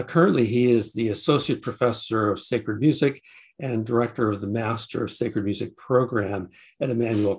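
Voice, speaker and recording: A man's voice: mid-range voice, vocal fry, darkish tone. An older man hosting an interview over a video call, speaking enthusiastically with frequent fillers and restarts, from a home study.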